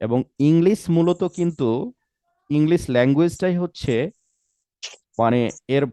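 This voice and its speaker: A man's voice: fairly high pitch, moderate pace, warm tone, smooth, no echo, clean studio sound. A man teaching an online English pronunciation class, patiently breaking words into syllables, asking rhetorical questions and mixing English terms into his speech. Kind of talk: live online class lecture.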